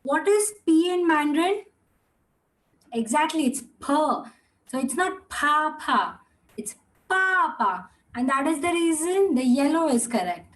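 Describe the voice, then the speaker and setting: A woman's voice: sits high, expressive, a little slow, poor audio. A woman teaching an online Mandarin class, encouraging the students and explaining pronunciation. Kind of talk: online class quiz and wrap-up.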